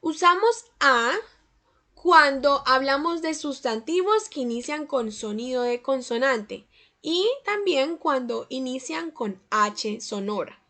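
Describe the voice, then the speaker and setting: A woman teaching English grammar in a scripted lesson, slowing down to pronounce English example sentences carefully. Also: high-pitched, expressive, sharp tone.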